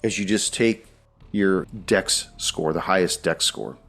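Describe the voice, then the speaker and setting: Deep-voiced male game master. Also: unhurried, creaky, a bit bright. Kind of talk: narrating a tabletop role-playing game.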